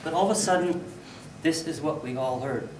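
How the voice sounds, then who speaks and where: Male contest speaker telling a funny story, lively delivery, recorded far off in a roomy hall. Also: fairly high pitch, fairly quick, slight background noise. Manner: animated, loud bursts for sound effects. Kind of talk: humorous storytelling speech. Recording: echoey hall, mic from far off.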